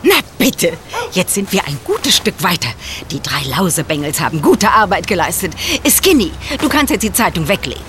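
A woman's voice: lowish voice, very animated, moderate pace, noisy background. An actress in a German audio drama playing a scheming villainess, sneering and impatient as she orders a dim henchman around. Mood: scornful, commanding.

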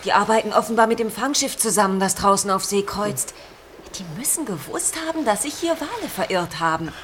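A woman's voice: medium pitch, lively intonation, brisk, fairly bright tone, slight background noise, close to an everyday voice. A woman doing an earnest child detective.

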